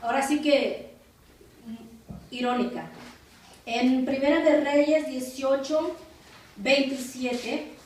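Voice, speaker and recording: Woman pastor, high voice, teaching Bible study, slow and repetitive for note-taking, distant mic in a very echoey room. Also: darkish tone. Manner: slow, repeats phrases and spells words for note-taking. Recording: echoey room from far off, faint noise.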